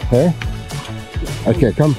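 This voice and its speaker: A man on a float tube on an open lake, excitedly coaxing a trout in and chatting to his friend. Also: on the high side, slow pace, music in the background. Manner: coaxing, excitable, talks to the fish. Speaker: angler landing a fish. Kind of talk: excited casual fishing chatter. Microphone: action camera on the boat.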